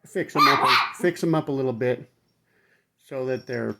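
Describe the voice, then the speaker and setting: Male vlogger, mid-pitched, numb-mouthed after dental work; blunt, rambling, casual delivery with frequent swearing. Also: moderate pace, vocal fry, heavy background noise. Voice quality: numb-mouthed speech from temporary teeth after surgery. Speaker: vlogger recounting his dental surgery. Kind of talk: casual talk to camera.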